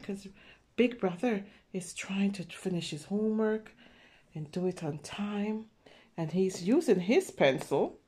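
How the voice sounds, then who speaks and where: A woman reads a picture book aloud to young children, explaining things simply and pausing to check in with questions. Her medium-pitched voice is mellow and husky, suited to a children's storyteller.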